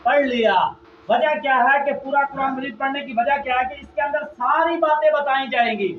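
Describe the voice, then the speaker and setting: A man teaching children to read the Quran, drilling them with repeated questions and loud emphasis, with a Pakistani Urdu accent. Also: very high-pitched, steady tone, moderate pace. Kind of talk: classroom lesson to children. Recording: echoey, distant, muffled, noisy room.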